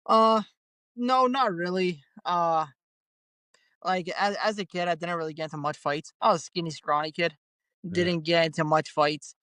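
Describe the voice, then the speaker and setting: A man's voice: a little high, fairly even intonation, normal speed, pushed and bright, clean tone, dry recording. A man being interviewed as a bare knuckle fighter, talking in an easygoing way and laughing often. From Canada. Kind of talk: casual interview.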